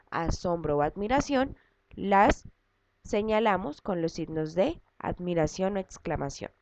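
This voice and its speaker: Woman teacher walking pupils through a lesson step by step, patient and repetitive; muffled low-fi recording. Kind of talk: recorded class lesson for students. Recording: dull lo-fi audio with loud background noise and clicks.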